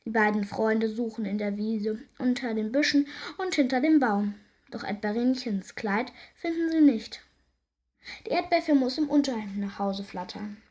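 A woman reading a children's story aloud in a gentle, lively way. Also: a little high, moderate pace.

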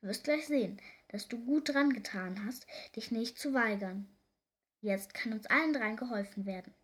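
A woman voicing a tiny, impatient male imp who eats bad dreams, giggling and grumbling, shrill when excited. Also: moderate pace, natural voice. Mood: impish.

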